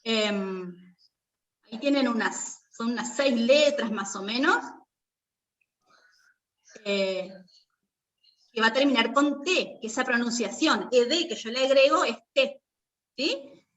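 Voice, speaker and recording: Slow, high-voiced teacher. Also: female voice, lively intonation, a bit bright, distant mic, poor audio. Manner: patient, repeats checks like "¿sí?" and "¿está?". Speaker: English teacher. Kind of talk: online class explanation.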